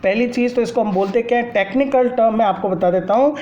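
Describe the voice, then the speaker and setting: A man's voice: extremely high pitch, fast talker, dark tone, highs cut off. A man teaching a literature lesson, explaining poetic devices step by step and switching often between Hindi and English. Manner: explanatory, addresses listeners as friends; mixes Hindi with English, many fillers. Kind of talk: lecture on poetry.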